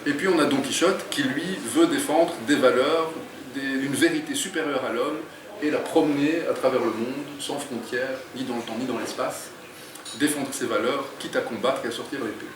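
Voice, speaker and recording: Thoughtful man in an echoey room. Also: mid-range voice. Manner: thoughtful, hesitant, many pauses. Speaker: author. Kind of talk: interview and reading aloud. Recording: echoey room, distant mic, faint noise.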